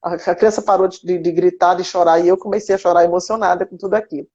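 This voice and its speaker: A Brazilian woman with a Brazilian Portuguese accent tells an emotional personal testimony. She speaks in an animated way, often restarting and repeating words. Her voice is mellow, and the recording sounds dull and lo-fi. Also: on the low side, fast, breathy edge. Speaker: guest giving a testimony.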